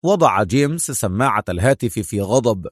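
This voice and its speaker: A man's voice: fairly low pitch, animated, brisk, dry recording, clean studio sound. A man narrating an action thriller audiobook in a vivid storytelling manner.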